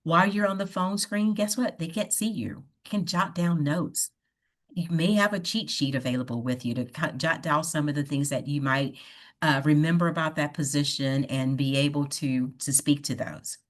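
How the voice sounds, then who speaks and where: Deep-voiced woman coaching a workshop. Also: normal speed. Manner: coaching, repeats "right?" to check in. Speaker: workshop presenter. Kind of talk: online workshop presentation. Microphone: computer mic on a video call.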